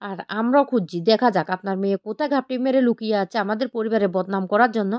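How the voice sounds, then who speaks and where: A woman's voice: mid-range voice, rapid-fire, no echo, dull audio, lightly acted. A woman voicing a firm, protective young husband who issues warnings, in a retold TV serial.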